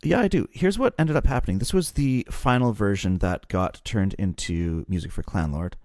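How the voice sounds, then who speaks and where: A man's voice: fairly low pitch, lively intonation, moderate pace, darkish tone, no room sound, clean studio sound. A man co-hosting a podcast, explaining songwriting in a casual, self-deprecating way. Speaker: podcast co-host.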